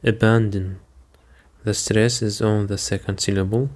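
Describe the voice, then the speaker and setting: A man teaching English vocabulary in a slow, deliberate lesson, repeating each word and giving examples. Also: on the low side, fairly even intonation, a little mellow.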